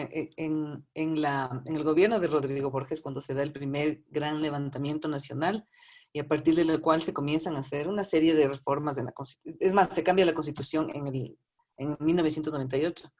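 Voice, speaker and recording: A woman's voice: deep voice, a little mellow. A woman speaking as a panelist, building an analytical point with frequent restarts. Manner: analytical, many restarts and hedges. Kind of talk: academic panel discussion.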